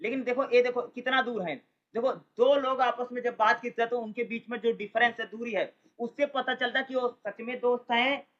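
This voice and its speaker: A man's voice: very high voice, steady tone, moderate pace, fairly bright tone, muffled recording. A man teaching an exam-prep lesson in a casual, colloquial way, who keeps asking rhetorical questions and answering them himself. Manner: calls listeners "brother", colloquial. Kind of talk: explanatory exam-prep lecture.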